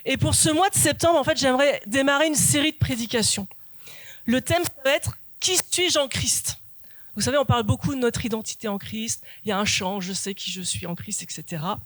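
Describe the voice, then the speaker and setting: A woman's voice: a little high, a little fast, no room sound. A woman pastor preaching a sermon in an earnest, emphatic way, repeating her key phrases. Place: church.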